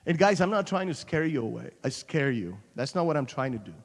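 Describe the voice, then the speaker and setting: A male pastor delivers an animated sermon in a somewhat high voice, now and then slipping into English and climbing to loud, emphatic peaks. His voice rings with the long reverb of a large church hall. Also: normal speed. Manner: animated preaching, switching between English and Spanish, rising to loud peaks.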